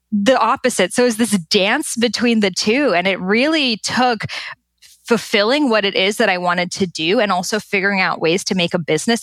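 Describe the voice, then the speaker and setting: A woman from the United States, a podcast guest telling stories in a lively, chatty way. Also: mid-range voice, no room sound, rough recording. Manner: lively, chatty, quick to laugh. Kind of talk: casual interview storytelling.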